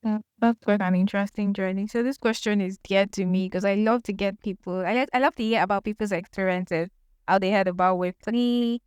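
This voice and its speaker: A woman's voice: medium pitch, fairly even intonation, fairly quick, darkish tone, smooth, no echo, studio quality. A woman hosting a podcast, introducing her guest in an upbeat, enthusiastic way. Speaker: podcast host. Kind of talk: scripted podcast intro and interview.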